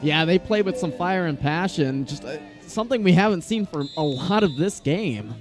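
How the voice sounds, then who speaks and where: Higher-pitched male football color commentator. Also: expressive, moderate pace, over music. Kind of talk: conversational sports analysis.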